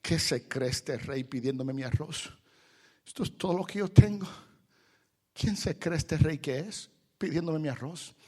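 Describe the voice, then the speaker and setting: A man playing a stubborn poor beggar, shouting high. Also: a little slow. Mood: grumbling. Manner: pleading, shouting protests.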